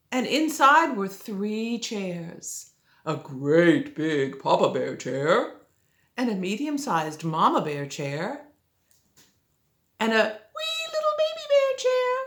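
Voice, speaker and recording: An older woman with a sweet old lady manner tells a children's story as a grandmother, gently coaxing the listener with little questions. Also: on the low side. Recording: roomy, echoey home recording.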